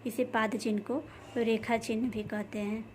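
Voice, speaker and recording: Woman grammar teacher, fairly high voice, repeats herself, faint background hiss. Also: flat delivery, moderate pace. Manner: repeats terms, many fillers. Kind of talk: explaining lesson over slides.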